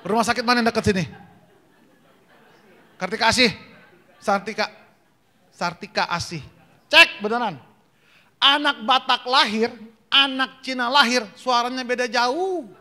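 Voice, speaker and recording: High-voiced man telling funny church stories. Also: pushed and bright. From North Sumatra, Indonesia. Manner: jokey storyteller, acts out dialogue with quick voice changes. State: slightly worn voice. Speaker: gospel singer and preacher. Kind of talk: humorous testimony sermon. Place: church prayer meeting.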